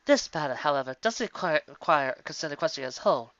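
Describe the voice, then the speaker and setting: A man raises his pitch to voice a stately, ancient alicorn princess, weighing each formal word in measured royal diction. His tone is crisp and bright with lively intonation, the mood grave. The dry, dull recording has a lo-fi edge and sounds like a storybook read at home.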